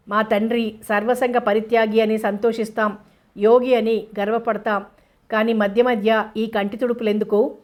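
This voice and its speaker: A woman's voice: a little high, natural voice. A woman reading the lines of a young stage actress who speaks with sarcasm and scorn, in an audiobook.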